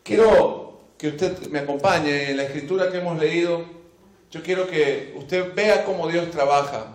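In an echoey room, a man with a fairly high voice preaches at a measured pace. He reads scripture aloud, then speaks directly to those listening, emphasizing and repeating key phrases.

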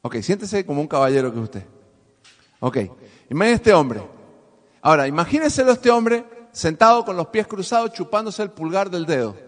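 High-voiced man preaching in a reverberant hall. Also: very animated, moderate pace. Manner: preaching with call-and-response, swinging from soft asides to loud emphasis. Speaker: pastor. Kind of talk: sermon. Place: church hall with congregation.

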